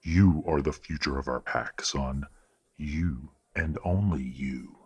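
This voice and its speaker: For an audio drama, a man acts as a stern werewolf patriarch, using an exaggerated, extremely low and husky voice. He speaks formally, with measured authority, as a courteous father devoted to tradition. His mood is firm and proud.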